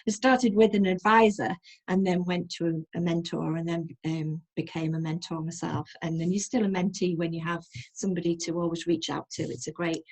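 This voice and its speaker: A middle-aged woman hosting an interview, upbeat and encouraging, often going softer at the ends of phrases. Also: on the low side, flat delivery, brisk, breathy edge. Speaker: host, wellbeing coach. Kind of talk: hosted interview chat.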